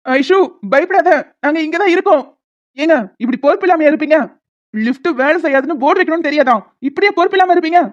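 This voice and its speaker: A protective young cartoon man, voiced by a woman speaks in a rather high voice, urgent and commanding. The recording sounds dull and lo-fi. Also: brisk. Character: protective young man rescuing his fiancée. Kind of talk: cartoon voice acting.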